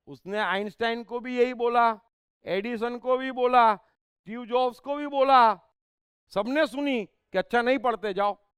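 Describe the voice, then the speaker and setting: Man, spiritual discourse, very high voice, smooth and resonant, emphatic rhetorical questions. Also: unhurried, a bit bright, no room sound. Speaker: spiritual speaker and life coach.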